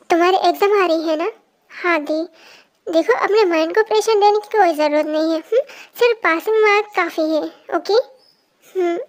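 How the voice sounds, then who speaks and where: With an extremely high pitch, this storyteller reads a fan story and brings each character's dialogue to life, switching between them rapidly.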